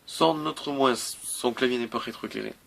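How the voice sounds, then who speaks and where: Male tech reviewer, gravelly, casual and hesitant delivery with frequent restarts. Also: medium pitch, moderate pace. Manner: hesitant, many fillers and restarts.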